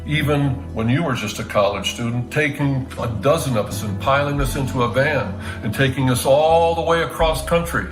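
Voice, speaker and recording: Casting: man, mid pitch, sincere measured tribute, roomy sound with music playing under him. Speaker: younger brother giving a video tribute. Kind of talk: prepared heartfelt tribute.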